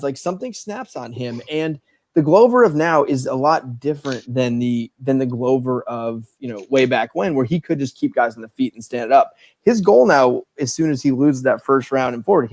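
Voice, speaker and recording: A man co-hosting a podcast, giving a lively, swearing breakdown of an upcoming fight and acting out announcer calls. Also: medium pitch, dry recording. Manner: animated, acts out announcer calls, swears freely. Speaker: podcast co-host. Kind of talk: casual fight-analysis chat.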